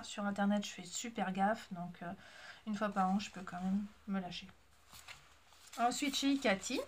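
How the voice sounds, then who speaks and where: There's slight background noise as this woman, a mom who makes sewing and knitting videos, addresses the camera in her mid-range voice. She rambles along casually, teasing herself and leaning on lots of fillers.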